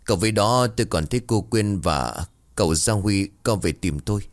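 A man doing an old servant in an audio story, humble and cautious with his mistress. His low voice rises and falls as he chooses careful words. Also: expressive, moderate pace, natural voice. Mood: worried. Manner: deferential, hesitant.

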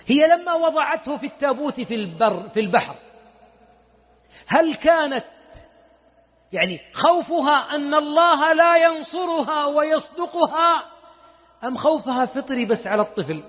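A man preaching a sermon with emotion, moving from hushed lines to loud exclamations. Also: very high-pitched, lively intonation, moderate pace, pauses often. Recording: echoey hall over a tinny lo-fi recording.

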